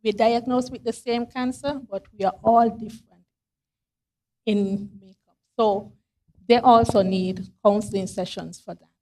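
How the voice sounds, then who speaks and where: A woman's voice: fairly high pitch, steady tone, unhurried, warm tone. A woman explaining things on a panel, recorded on stage with a handheld microphone. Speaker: health forum panellist. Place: forum hall, on stage. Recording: slightly distant microphone.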